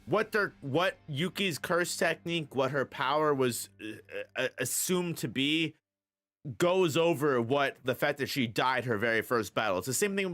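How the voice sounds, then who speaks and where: A man's voice: mid-range voice, fairly bright tone. A young man hosting a casual anime discussion, rambling with lots of fillers and restarts. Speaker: channel host.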